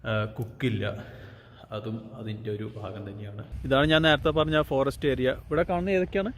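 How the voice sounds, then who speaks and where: A man's voice: mid-range voice, a little fast. A man with a Malayali accent giving a casual walk-through vlog narration, mixing Malayalam with English words. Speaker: travel vlogger. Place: on location around a forest resort. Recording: noisy on-location recording, outdoor ambience.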